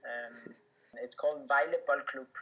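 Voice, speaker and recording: The audio is poor, but this young man's mid-range voice comes through bright, steady and unhurried. He's a professional footballer from Denmark, a native Danish speaker, answering an interview casually with lots of fillers and restarts.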